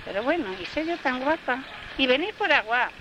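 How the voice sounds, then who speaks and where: Brief: woman putting on a high, falsely sweet, pushy envious woman; noisy field tape. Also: expressive, normal speed, dull audio. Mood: mocking.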